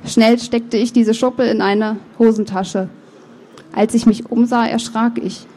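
Woman reading her own novel aloud. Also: fairly high pitch. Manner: measured, expressive first-person narration with occasional slips. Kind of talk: book reading.

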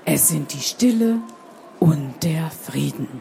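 A cozy male mole from a picture book, as a woman reads him. He talks softly and dreamily in a low, mellow tone. Each word comes slowly and calmly. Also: creaky, soft background music, full character voice. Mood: content. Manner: soft, contented, dreamy.

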